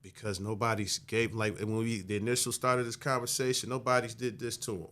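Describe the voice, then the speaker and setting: A man in his fifties from Michigan, a podcast guest telling stories in a calm, measured, conversational way and often adding "you know". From Michigan, USA. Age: 50s. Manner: calm and measured, low-key, frequent "you know" asides. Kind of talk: conversational storytelling.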